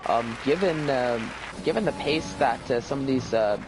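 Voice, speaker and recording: A man's voice: medium pitch, normal speed, background noise. A man working as a motorsport co-commentator, giving live race analysis in a hesitant, conversational way. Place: esports race broadcast commentary.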